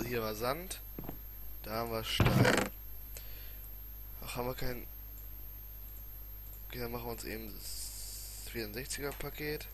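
A man giving casual gameplay commentary as a let's player, muttering and grumbling in colloquial exclamations. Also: mid-range voice. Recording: clearly noisy home recording with clicks.

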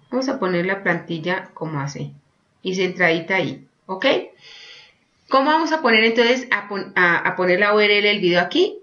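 A woman teaching an online course through a screen-recorded software tutorial, chatty, constantly saying "look" and checking in with "ok?". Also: mid-range voice, highs cut off. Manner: chatty, keeps prompting with "mira" and "¿ok?".

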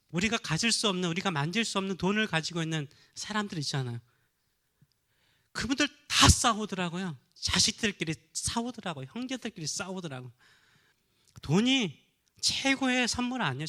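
Bright, high-voiced male pastor preaching. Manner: rising to forceful emphasis on key phrases, asks the congregation questions. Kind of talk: sermon.

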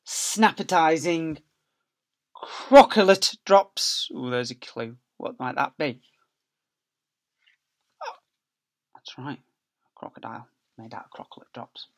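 Sitting in a small office before a close-range laptop webcam, a middle-aged male teacher reads a picture book aloud to young children. His voice is a little high and a bit bright, expressive, slow-paced and full of pauses. He playfully stretches key words and adds sound effects.

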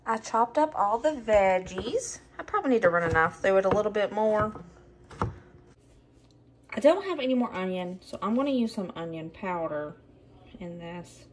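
A woman in her thirties with a Southern US accent chats casually through a home cooking vlog in her kitchen. Her medium-pitched voice is upbeat and chatty as she narrates what she is cooking. There is slight background noise.

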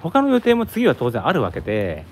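A man from Japan chats on a live stream as he walks outdoors. His talk rambles, and he breaks off to answer viewer comments. His pitch moves around a lot, at an average height for a man. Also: huge pitch swings, a little fast, slight background noise. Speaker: live streamer, office worker in Korea. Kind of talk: casual live-stream chat while walking. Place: outdoors at a palace tourist site.

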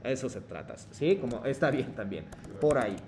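A man teaching an online class, with halting phrasing and many fillers. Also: mid-range voice, very animated, a little mellow, a little hiss or hum. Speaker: Japanese teacher.

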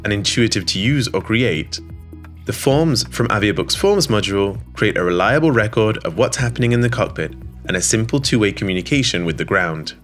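A man with a slightly low voice narrates a scripted promo in an even, polished studio read. Soft music plays quietly behind him. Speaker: voice-over narrator. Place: studio voice-over. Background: soft background music.

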